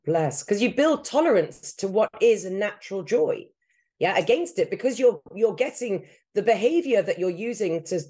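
A woman's voice: mid-range voice, warm tone, husky. A woman co-hosting a podcast in casual chat, explaining ideas earnestly and circling back to build her points. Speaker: podcast co-host and coach.

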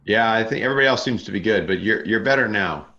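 A man with a very low voice, heard over a video call. He interviews casually, teasing a little and tripping over his own restarts. The audio sounds dull and lo-fi. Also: quick pace, bright, forceful tone.

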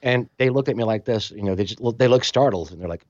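A man telling a story in casual conversation, animated and acting out other people's voices, in a slightly muffled recording. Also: fairly low pitch, fast talker, no room sound. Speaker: storytelling guest musician.

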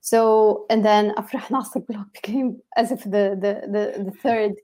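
A woman from Yemen, a blogger and journalist, telling her story in an animated interview with many restarts. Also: mid-range voice, unhurried. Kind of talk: conversational interview.

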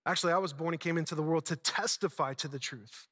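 A man's voice: fairly high pitch, fast talker, sharp tone, slightly rough. A man preaching a conversational church sermon in informal, slangy wording, emphatic, with repeated phrases and rhetorical questions. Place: large reverberant indoor church space. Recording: hall reverb on the voice.

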